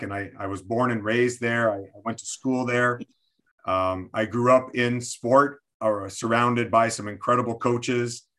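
A man's voice: mid-range voice, a bit bright. A man in his forties from Quebec City, presenting an online coaching workshop over a video call, with many fillers and restarts. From Quebec City, Canada.

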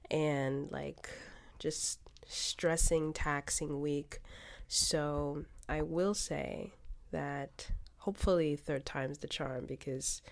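This is a deep, darkish female voice belonging to a young woman running a casual solo podcast. She's congested from a cold and rambles, full of fillers and restarts.

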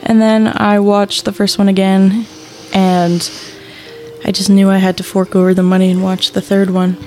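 A woman's voice: mid-range voice, flat delivery, normal speed, darkish tone. A young woman co-hosting a podcast in casual chat, rambling, giggling and swearing freely. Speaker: podcast co-host.

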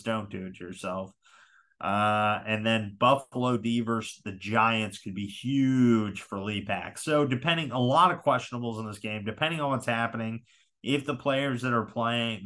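A man's voice: on the low side, a bit bright. A man hosting a solo podcast in casual chat, talking in a rambling, profane, frank way. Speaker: fantasy football podcast host.

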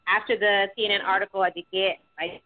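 Heard over a tinny phone line with a dry sound, a woman speaks quickly in a mid-range voice and a level tone. She's a guest on a call-in radio interview, an educator and writer from the United Kingdom who was raised in Florida, and she is earnest and outspoken, often starting her sentences over.

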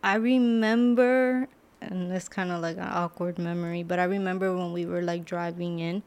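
Young woman from brooklyn, kinda low voice, chatting easy on a studio podcast. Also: fairly even intonation, normal speed, a little mellow, clear, resonant tone. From Brooklyn, New York. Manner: casual, many "like" fillers. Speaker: guest, author and medical assistant. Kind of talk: casual interview.

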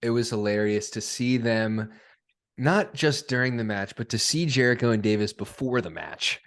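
A man's voice: medium pitch, normal speed, a bit bright. A young man hosting a casual podcast chat, laid-back and chatty, laughing often. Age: young adult. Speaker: podcast host.

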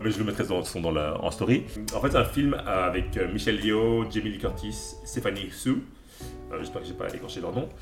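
A man's voice: lowish voice, fairly quick, roomy sound, music in the background. A man co-hosting a casual chat, recommending songs and films with enthusiasm, rambling through lots of fillers and restarts. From Belgium. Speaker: podcast co-host.

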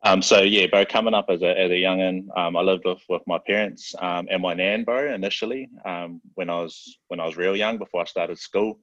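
A relaxed New Zealand man with a very low voice, talking easily as a podcast guest. He is loose and slangy and keeps saying "bro". The recording sounds dry and a bit dull. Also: brisk, hardly any pauses, no room sound. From South Auckland, New Zealand. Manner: laid-back, slangy, peppers every phrase with "bro". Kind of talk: casual chat.

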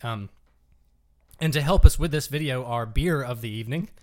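A man's voice: medium pitch, moderate pace, dark tone. Upbeat man leading a casual chat. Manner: upbeat, teasing, leads the talk. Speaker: podcast co-host.

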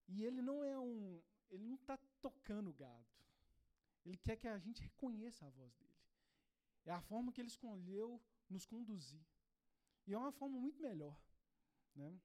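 A man's voice: high-pitched, warm tone. A man in his thirties from Brazil, a pastor giving a conversational sermon at a Sunday church service, telling stories from his own life. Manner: conversational, tells personal stories, frequent "né?".

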